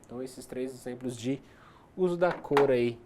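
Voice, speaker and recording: A man's voice: mid-range voice, normal speed, noisy background. A man with a Brazilian Portuguese accent teaching an English lesson for distance learning. He explains step by step, repeats each English word and keeps checking in with "ok?".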